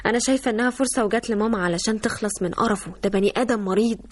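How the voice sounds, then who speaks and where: An actress playing a blunt, sharp-tongued young woman with an Egyptian accent in a radio drama. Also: fairly high pitch, breathy edge. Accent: Egyptian Arabic. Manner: blunt, quick retorts. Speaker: daughter and fiancée.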